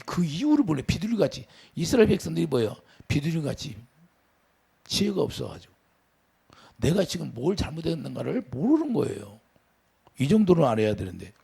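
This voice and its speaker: A man preaching a sermon as pastor, asking the congregation questions and swinging from loud to quiet. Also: fairly high pitch, vocal fry, slightly rough. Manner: preaching with sudden rises and drops, asks the congregation questions.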